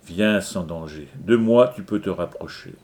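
A man voicing a wise old male poet who guides and reassures his companion in a calm, measured way. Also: sits low. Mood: reassuring.

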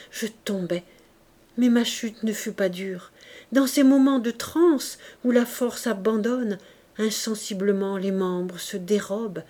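Woman giving a tense dramatic reading. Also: medium pitch. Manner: expressive, tense, dips to hushed whispers. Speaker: audiobook reader.

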